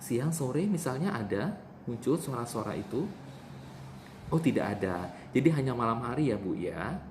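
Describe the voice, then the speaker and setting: A man's voice: medium pitch, expressive, moderate pace. A man playing a nurse in a role-play demonstration, patiently repeating the patient's answers back to her. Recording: echoey room with faint noise.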